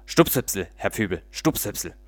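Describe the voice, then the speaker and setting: A man's voice: mid-range voice, animated, moderate pace, no room sound, natural voice. A stiff, pedantic clerk from a trade office talks in formal officialese in a storybook tale, as a man reads him aloud. The recording is dry and close. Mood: polite.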